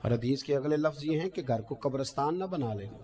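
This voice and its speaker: A male preacher, delivering an impassioned sermon that swings between loud outbursts and hushed asides. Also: mid-range voice, lively intonation, brisk. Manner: chants verse in a sung tone. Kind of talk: Islamic sermon.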